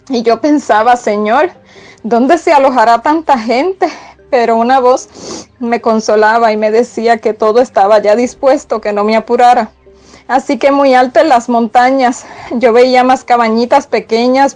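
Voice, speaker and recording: A woman recounts a vision as a testimony, speaking earnestly and pausing on fillers. Her voice sits high, with faint music underneath. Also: darkish tone. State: crying.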